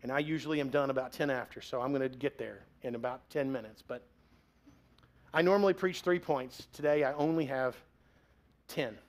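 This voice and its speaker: A man's voice: medium pitch, moderate pace. A man in his forties preaching a sermon as pastor, in a conversational, joking way.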